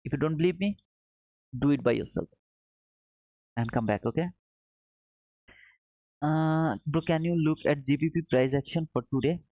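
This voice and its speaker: Here the Bangladeshi livestream host, not an English speaker, offers casual trading commentary, earnest and repetitive, with viewers called brother. His pitch leans high, his pace is moderate with frequent pauses, and the dry audio is dull and muffled.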